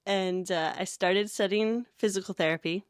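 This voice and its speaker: An American woman in her thirties from Connecticut, who works in campus ministry, tells her own story casually as a guest on a podcast. Her mid-range voice stays steady and clear, with a resonant tone and a moderate pace. The recording is studio quality with no echo.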